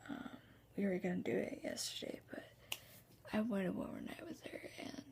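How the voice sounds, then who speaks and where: A tearful woman talking haltingly and subdued in a personal video diary, her voice hushed and breathy. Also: fairly high pitch. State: tearful, crying. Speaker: vlogger.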